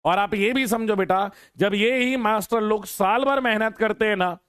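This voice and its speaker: Male teacher, fairly high smooth voice, earnest pep talk to students, repeats himself a lot. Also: moderate pace, a bit bright, no echo, studio quality. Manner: earnest, scolding yet caring, repeats phrases for emphasis. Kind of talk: motivational talk to exam students.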